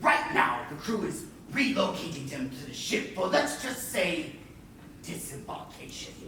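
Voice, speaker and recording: An actor on stage playing a scheming, smug pirate captain, grandiose and wry, with deliberate emphasis. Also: male voice, high-pitched, big pitch swings, sharp tone, exaggerated voice. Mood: smug menace. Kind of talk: projected stage-play acting. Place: indoor playhouse stage. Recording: echoey theatre, far mic, faint noise.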